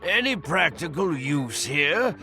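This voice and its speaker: A man voicing an older, scornful male elk scholar who talks down slowly in a cartoon. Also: on the high side, sing-song, gravelly, pushed and bright, exaggerated voice. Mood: condescending. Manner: slow, condescending, mocking laughter. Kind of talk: cartoon voice acting.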